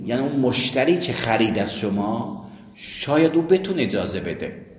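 Man lecturing on law, pitch jumps all over, asks himself questions then answers, roomy echo with long tail. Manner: explains with worked examples, asks and answers himself. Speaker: seminary teacher. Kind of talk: jurisprudence lecture. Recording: echoey hall.

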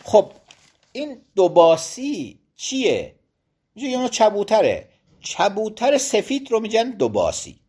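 A man's voice: high voice, huge pitch swings, darkish tone, slightly rough. A man giving a religious studies lesson. He reads out Arabic legal phrases and explains each one in Persian.

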